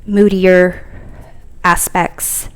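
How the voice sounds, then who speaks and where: A woman's voice: on the low side, level tone, drawn-out words, smooth. A woman reviewing tarot decks in a casual chat, talking hesitantly and thinking aloud with frequent fillers.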